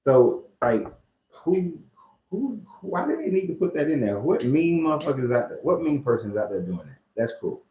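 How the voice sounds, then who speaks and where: A man's voice: on the high side, big pitch swings, normal speed. A man hosting a casual commentary on scripture, loose and joking, with slang and cursing. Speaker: host. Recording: echoey, dull lo-fi room sound.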